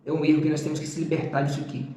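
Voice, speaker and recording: A man with a somewhat high voice gives a theology lesson, speaking directly to his students and repeating key words slowly so they sink in. The recording carries a noticeable room echo, with a faint hiss of ambient noise underneath. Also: completely flat delivery, dark tone. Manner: didactic, talks straight to the student with "tá?" and "ó"; drawn-out repetition of key terms. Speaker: theology teacher.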